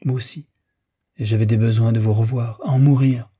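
Guy reading a lovesick young gent in an audiobook, earnest and pleading, dark breathy voice. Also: mid-range voice, steady tone, fairly quick, natural voice. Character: lovesick, tormented young gentleman.

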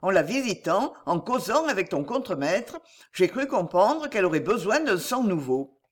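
A reader voicing Robert, a wealthy, whimsical gentleman who talks calmly, in an audiobook reading. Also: medium pitch, normal speed. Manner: calm, easygoing.

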